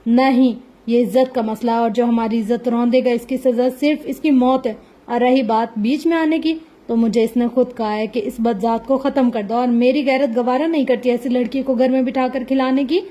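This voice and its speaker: A woman voicing an enraged young man who shouts threats at his sister. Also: fairly high pitch, fairly even intonation, close to an everyday voice. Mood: furious. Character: young man, furious brother with a gun.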